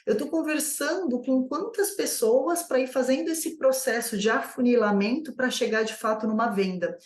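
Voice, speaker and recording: Speaking at a moderate pace in an echoey room, a woman with a fairly high voice guides new business owners through an online course lesson. Her style is conversational, full of rhetorical questions she puts to herself.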